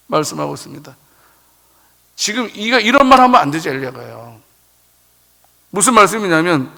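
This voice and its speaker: High bright preaching man in echoing hall. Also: creaky. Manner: rhetorical questions, swelling emphasis then dropping low. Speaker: pastor. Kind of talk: sermon. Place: church sanctuary. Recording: long church hall reverb.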